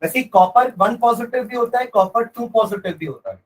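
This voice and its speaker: A male science teacher giving a classroom lecture, dictating notes slowly and repeating phrases, mixing Hindi and English. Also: very high voice, poor audio.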